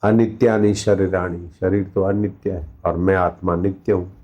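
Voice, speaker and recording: A man's voice: sits low, flat delivery, moderate pace, breathy edge. A man, a spiritual teacher, tells a devotional story in a sermon, repeating words for emphasis and acting out the lines of the people in it. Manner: vivid storytelling with repeated words and acted quotes. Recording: dull lo-fi recording.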